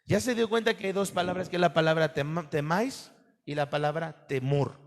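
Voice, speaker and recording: Pastor, male, raised voice, lively sermon delivery, recorded in a reverberant church hall. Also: fairly high pitch, brisk, gravelly. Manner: animated preaching to a congregation, asks questions.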